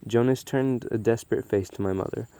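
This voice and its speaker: A man reading a novel aloud in a steady way, with small slips and restarts. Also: medium pitch, a little fast, no echo. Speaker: audiobook reader.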